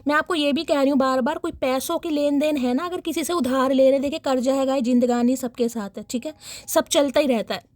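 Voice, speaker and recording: High-voiced woman giving a chatty tarot reading. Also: no echo. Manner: chatty, addresses viewers as guys, frequent throat clearing. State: dry, irritated throat. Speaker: tarot reader.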